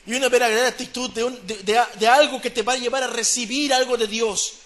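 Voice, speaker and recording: A man with a Mexican Spanish accent preaching a sermon, swinging between hushed pleading and loud, fervent repetition. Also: very high voice, steady tone, fast talker.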